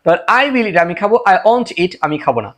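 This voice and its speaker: Man slowly drilling English phrases. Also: sits high, big pitch swings, dull audio. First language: Bengali. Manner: repeats example sentences slowly, switching between English and Bengali. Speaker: English teacher. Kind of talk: spoken English lesson.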